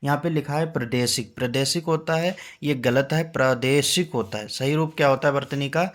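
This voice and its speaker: A man's voice: mid-range voice, a little fast. A male teacher giving an exam-prep spelling lesson, patiently drilling each word and quizzing his class with rhetorical questions.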